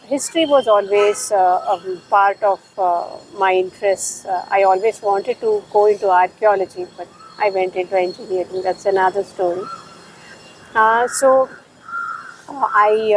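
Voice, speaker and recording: A middle-aged woman from Bangalore with an Indian English accent, a historian guest talking in an interview, pausing often with fillers. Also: mid-range voice, a little hiss or hum, rough recording. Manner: thoughtful, many fillers and pauses. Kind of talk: conversational interview.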